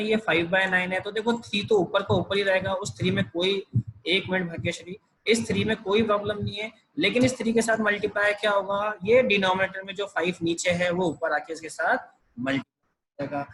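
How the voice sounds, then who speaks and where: Man, teacher, online math lesson, patient explaining, high voice, video call. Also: normal speed, a bit bright, a little hiss or hum, rough recording.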